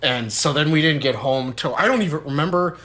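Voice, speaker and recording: A young man, a podcast host, telling a story in casual chat, animated and swearing, breaking into high shouts when he quotes someone. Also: a little fast. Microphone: podcast mic, low-quality audio.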